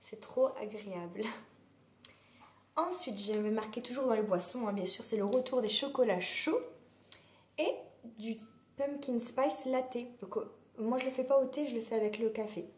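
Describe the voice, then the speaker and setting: A woman vlogger chatting casually while hoarse from a sore throat, rambling with many fillers. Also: on the high side, normal speed, pauses often, a little mellow. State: sore throat, losing her voice. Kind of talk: casual chat. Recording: roomy echo.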